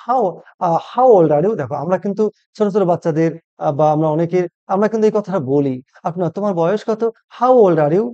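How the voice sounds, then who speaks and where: A man's voice: sits high, warm tone. Upbeat male English teacher, dull audio. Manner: repeats each question, then says it slowly in English; upbeat, keeps calling things easy. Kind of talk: spoken English lesson.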